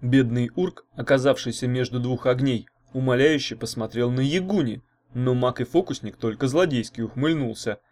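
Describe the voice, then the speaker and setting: A man narrating a children's fantasy audiobook in an expressive manner. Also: mid-range voice, moderate pace, hardly any pauses. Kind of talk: storytelling narration.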